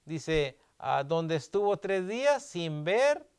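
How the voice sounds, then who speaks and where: Man, pastor, sermon delivery; high pitch, smooth resonant voice. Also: very animated, takes it slowly. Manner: reads scripture aloud and comments with emphasis.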